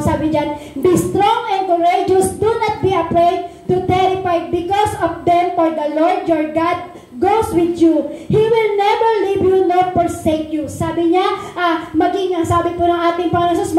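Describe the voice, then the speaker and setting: A woman's voice: extremely high pitch, fairly even intonation, normal speed, dark tone. A woman pastor, preaching an impassioned sermon that slips into sung lines. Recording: very echoey room with faint noise.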